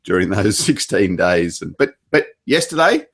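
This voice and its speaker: Man, Australian accent, low voice, chatty coach, animated delivery. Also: normal speed, gravelly, husky. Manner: chatty, animated, jumps up in pitch. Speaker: table tennis coach. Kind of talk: casual chat.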